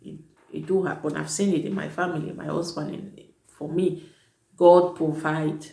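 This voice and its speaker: Her low voice is gravelly and dark, delivered flatly at normal speed, as this international-school teacher gives casual vlog advice to prospective students. She's chatty and emphatic, regularly catching and correcting herself mid-sentence, recorded in an echoey room.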